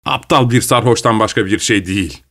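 A man voicing an anxious, hot-tempered middle-aged gentleman who speaks loudly and urgently. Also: lowish voice, brisk. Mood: heated.

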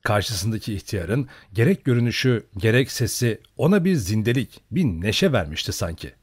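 Expressive male audiobook narrator. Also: on the low side, moderate pace, slightly rough. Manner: expressive storytelling.

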